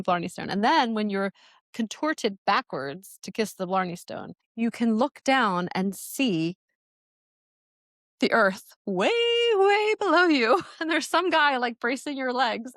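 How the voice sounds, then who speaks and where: A woman's voice: medium pitch, expressive, moderate pace, a bit bright, no echo, clean studio sound. A middle-aged woman from New Jersey hosting a podcast, telling a travel story in a chatty way, laughing often and acting out quotes. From New Jersey, USA. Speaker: podcast host. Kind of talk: casual storytelling.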